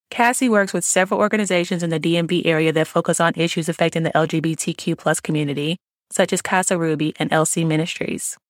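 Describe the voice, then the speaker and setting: A woman hosting a podcast, smoothly reading a guest introduction and then asking relaxed interview questions. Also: on the low side, no room sound, studio quality. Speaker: podcast host.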